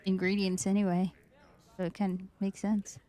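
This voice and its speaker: A woman's voice: mid-range voice, level tone, moderate pace, warm tone. A woman playing in a tabletop game, chatting casually with giggly asides. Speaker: player.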